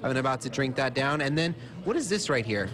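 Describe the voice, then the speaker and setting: A man's voice: mid-range voice, very animated, a little fast, fairly bright tone. A young man reporting live for TV from a cafe, upbeat and chatty, on a handheld mic. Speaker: field reporter. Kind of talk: live TV food segment. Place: indoor cafe dining room. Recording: diners chattering behind.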